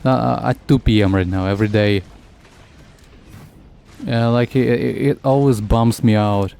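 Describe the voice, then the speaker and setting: A man's voice: lowish voice, vocal fry, warm tone. Rambling male streamer. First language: Russian. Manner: rambling, halting, heavy with fillers. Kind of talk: casual gameplay commentary.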